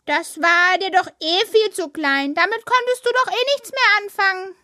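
Whiny little woodworm girl for a kids' audio play, super high and bright. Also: moderate pace, no echo, studio quality. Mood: indignant. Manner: indignant, whiny. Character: young girl woodworm, indignant and lively. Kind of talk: children's audio drama.

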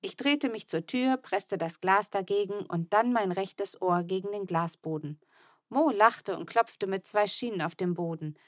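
A woman reading a children's audiobook aloud in the first person, with lively, expressive storytelling. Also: mid-range voice, a little slow, no echo, clean studio sound. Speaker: audiobook narrator.

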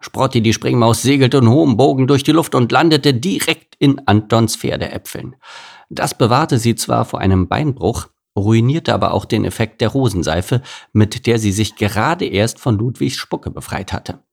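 A man's voice: mid-range voice, moderate pace, vocal fry. A man reading a children's animal story aloud as its narrator.

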